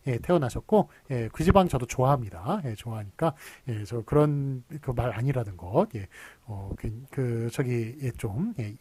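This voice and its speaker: Animated male lecturer, dry close sound. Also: mid-range voice, moderate pace, few pauses, slightly rough, no room sound. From Seoul. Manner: explains patiently with many fillers and restarts, drawls out examples. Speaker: university lecturer. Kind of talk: recorded online lecture.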